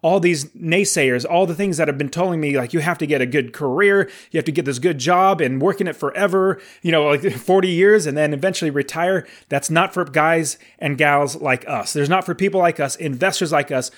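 A man's voice: on the high side, fairly quick, few pauses. A man of forty hosting his podcast, talking in an enthusiastic, encouraging way, with some fillers and restarts. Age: 40s. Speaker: podcast host. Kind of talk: upbeat podcast monologue.

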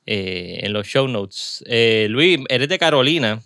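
A man's voice: medium pitch, expressive, slow, gravelly, bright, forceful tone, dry recording. A Puerto Rican man hosting a podcast in a small studio, chatting casually and drifting into asides. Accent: Puerto Rican Spanish. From Puerto Rico. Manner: chatty, laughs often, trails into asides. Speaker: podcast host. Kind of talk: casual interview chat.

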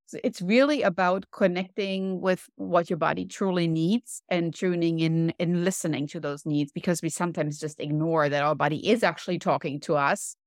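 A woman guest on a podcast, a wellness coach explaining her approach in an earnest way, slowing down to stress points. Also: lowish voice, fairly even intonation, dry recording, clean studio sound. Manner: earnest, explanatory, slows down for emphasis. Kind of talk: podcast interview.

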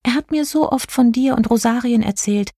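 A woman voicing a caring young female star fairy in a children's story, with a high, emotional manner. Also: normal speed, warm tone, dry recording, clean studio sound. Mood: worried. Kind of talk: audiobook character voice.

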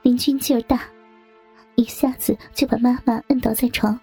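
A woman reading a scripted audio story in a soft, half-whispered way. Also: a little high, fairly even intonation, moderate pace, husky, soft background music. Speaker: narrator.

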